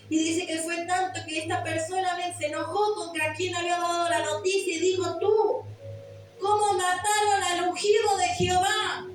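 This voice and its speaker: Woman preacher, high voice, earnest, impassioned sermon; very echoey church hall, mic set far off. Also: a little hiss or hum. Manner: earnest, rising to impassioned emphasis.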